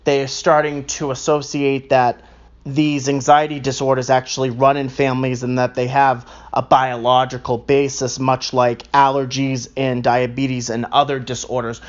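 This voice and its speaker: A man hosting a reflective interview, speaking calmly and reassuringly like a counsellor, with a dull lo-fi recording. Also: medium pitch, clear, resonant tone. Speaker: podcast host interviewing a relative.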